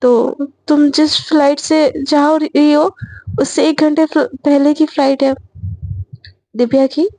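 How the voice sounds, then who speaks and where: A woman voicing a firm middle-aged mother who gives curt, commanding orders in a lowered voice. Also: steady tone, slow pace, warm tone, no room sound.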